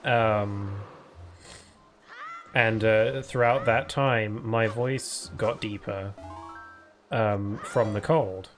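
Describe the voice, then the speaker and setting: Live-streaming a game, this man chats loosely with viewers and answers their messages aloud, full of fillers and restarts, in what he calls his permanent cold voice. His voice sits lowish with fairly even intonation, and he talks very slowly with long pauses over faint background music.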